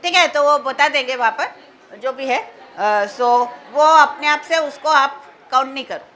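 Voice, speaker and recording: A woman teaching biology, going through exam answers in mixed Hindi and English and slowing down to dictate key terms. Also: sits high, pushed and bright. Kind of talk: exam answer walkthrough lesson.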